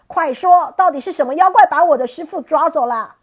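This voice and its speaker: Woman doing a monkey king, male, cocky, shouting, high-pitched, very lively. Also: fast talker, breathy edge. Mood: angry. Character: boastful, bold male monkey king hero.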